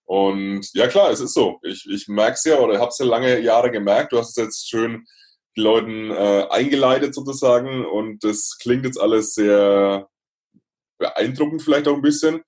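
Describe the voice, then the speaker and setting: A man, a podcast guest speaking reflectively, with pauses and restarts. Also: mid-range voice, darkish tone. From Franconia, Germany. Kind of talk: podcast interview.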